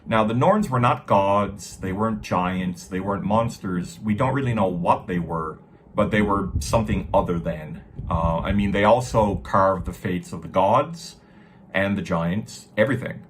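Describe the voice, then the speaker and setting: A man giving an informal explanatory lecture, talking haltingly with self-corrections and stressing key words. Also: deep voice, a little hiss or hum. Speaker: lecturer on Norse mythology. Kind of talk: informal explanatory lecture with read-aloud verse.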